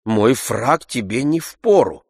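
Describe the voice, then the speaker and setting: A man doing a weary idle gentleman. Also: mid-range voice, lively intonation, slow, slightly rough, no room sound, studio quality, pitched above the performer's own voice, exaggerated voice. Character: idle weary middle-aged male gentleman.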